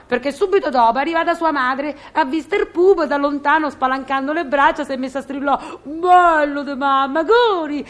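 Gossipy roman doorkeeper lady, sarcastic, fairly high voice, radio comedy bit. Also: a bit bright. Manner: chatty, sarcastic, mock-polite on the phone. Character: gossipy sharp-tongued Roman woman doorkeeper.

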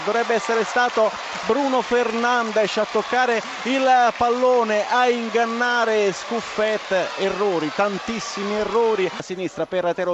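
High-voiced male commentator on a noisy feed. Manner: clipped running phrases, repeats key words. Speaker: football radio commentator. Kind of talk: live match commentary. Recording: dull, noisy outdoor stadium feed.

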